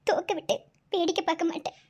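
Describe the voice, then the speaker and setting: Role: woman playing loyal, tough young wife, Madurai Tamil accent, very high voice, soothing and coaxing. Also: steady tone, fast talker, darkish tone. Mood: reassuring firm. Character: young wife, devoted, fierce and comforting. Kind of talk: amateur cartoon voice acting.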